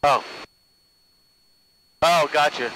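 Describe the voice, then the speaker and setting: Man, passenger-editor, joking asides, bright tense tone. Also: fairly high pitch, extremely slow, slight background noise, rough recording. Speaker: co-pilot and video editor. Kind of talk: casual cockpit chat. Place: small plane cockpit in flight. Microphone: headset.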